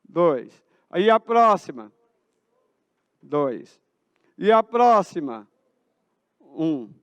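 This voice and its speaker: A man's voice: on the high side, very animated, extremely slow, a bit bright, dry recording, dull audio. A Brazilian man teaching a math class in a school auditorium, asking his students questions and answering them himself. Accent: Brazilian Portuguese.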